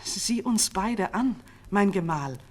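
A woman's voice: mid-range voice, expressive, takes it slowly. A woman voicing a dignified young queen in an earnest, pleading manner for a storybook reading.

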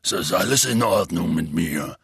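A man voicing a huge, gruff but gentle-hearted gamekeeper with a rough, rumbling voice in an audiobook. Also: lively intonation, no room sound, clean studio sound, exaggerated voice. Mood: reassuring. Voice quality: rough, gravelly voice. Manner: slow, rumbling, muttering. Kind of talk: audiobook character voice.

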